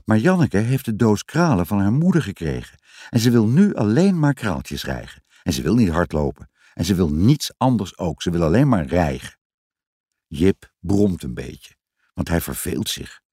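A man reading a children's story aloud in an expressive, sing-song storytelling manner. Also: deep voice, normal speed, husky, no room sound, clean studio sound. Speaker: narrator.

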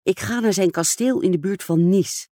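A woman reading aloud, voicing a vain, excitable society stepmother who gushes and speaks self-importantly. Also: medium pitch, normal speed, no room sound, clean studio sound, voice pushed up, close to an everyday voice. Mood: excited. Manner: gushing, self-absorbed, exclamatory.

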